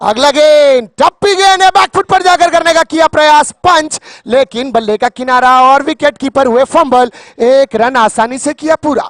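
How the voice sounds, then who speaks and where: A man giving excited live cricket commentary in a theatrical, poetic way, repeating phrases for emphasis. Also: extremely high pitch, normal speed, few pauses, no echo. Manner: poetic, breaks into recited verse.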